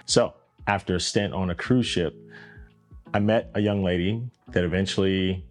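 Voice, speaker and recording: Young male host, low voice, unhurried personal storytelling over faint guitar. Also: fairly even intonation. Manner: conversational, reflective, drawn-out emphasis. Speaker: podcast host.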